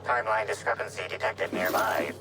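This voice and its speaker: An actor playing an impassive forensic analysis device in a video game, speaking in a formal, detached and precise manner. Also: male voice, fairly low pitch, fairly quick, over loud music, close to an everyday voice. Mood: clinical, detached. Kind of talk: scripted video game narration.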